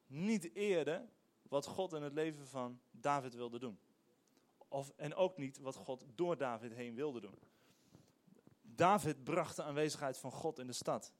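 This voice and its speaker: A fairly high-pitched middle-aged pastor gives an emphatic, lively sermon punctuated by many hesitations.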